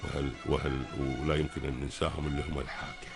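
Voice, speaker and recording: A man with a Kuwaiti Gulf Arabic accent explaining things as a guest expert on a radio talk, pausing to search for words. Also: very deep voice, level tone, gravelly, music in the background.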